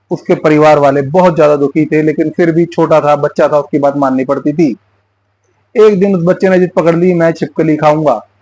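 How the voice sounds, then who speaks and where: A man hosts his channel, turning a folk tale into political commentary. He talks in a fairly high voice and leans on repetition for emphasis. The sound is dry, with no room around it. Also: a little mellow, no echo, low-quality recording. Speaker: YouTube channel host.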